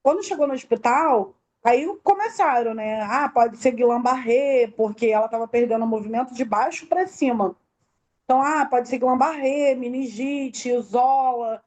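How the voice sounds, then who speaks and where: Woman, middle-aged, fairly high voice, warm and mellow, detailed emotional testimony, acts out quoted dialogue. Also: normal speed. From Brazil. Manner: tells the story in detail, acting out quoted dialogue. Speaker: interview guest, bereaved mother.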